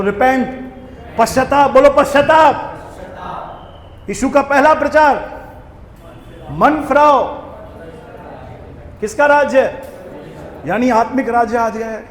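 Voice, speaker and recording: A man preaching a sermon to a congregation, animated and calling for responses. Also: high-pitched. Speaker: pastor. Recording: echoey hall with long reverb.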